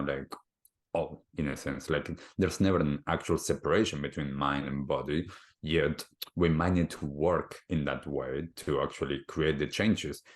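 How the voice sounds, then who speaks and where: Very deep-voiced man from Argentina. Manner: thoughtful, many "you know, like" fillers. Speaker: wellbeing coach, podcast guest. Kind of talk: reflective conversational talk.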